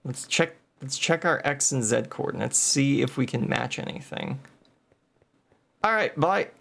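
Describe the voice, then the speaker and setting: A man's voice: mid-range voice, expressive, a little slow, creaky, fairly bright tone. A man hosting a gameplay video, thinking aloud and muttering numbers as he plays. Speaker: game video host. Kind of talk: casual gameplay commentary.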